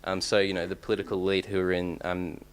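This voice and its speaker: A young man with an Australian accent presents research at a conference. His voice sits very low, and he pauses often with ums and false starts. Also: completely flat delivery, clear, resonant tone. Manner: hesitant, many ums and restarts. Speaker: conference speaker.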